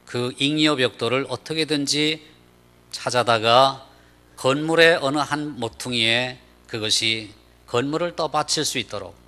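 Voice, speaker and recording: Bright-voiced male pastor preaching. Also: mid-range voice. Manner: animated storytelling, acts out quoted voices. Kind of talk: sermon with storytelling.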